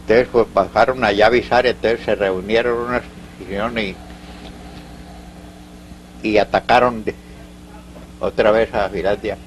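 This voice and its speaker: An older man with a Colombian Paisa accent tells old stories in a fairly low voice. He halts, restarts and drifts into asides. A faint hum runs under the recording. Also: fairly even intonation, low-quality recording. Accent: Colombian Paisa Spanish. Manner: rambling, halting, full of restarts and asides. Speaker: elderly interviewee recounting local history. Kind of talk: storytelling in an oral history interview.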